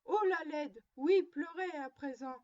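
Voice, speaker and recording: A high-voiced little girl lectures her doll like a strict, prim mother, taking her time over each reproach, as a woman puts her on. It is a storybook reading with slightly muffled, lo-fi sound. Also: measured pace, a little mellow. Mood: scolding.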